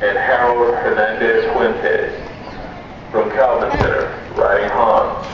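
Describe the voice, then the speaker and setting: A man's voice comes over a PA system at an outdoor horse show, reading out classes in a flat, measured way. He sounds distant, with a heavy echo, and the camera audio is dull and lo-fi. Crowd noise and animals are clearly heard behind him. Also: on the low side.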